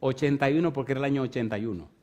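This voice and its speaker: A man's voice: medium pitch, very fast. Brief: middle-aged male pastor, chatty storytelling sermon, playful asides to the congregation. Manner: lively, conversational, teasing the congregation.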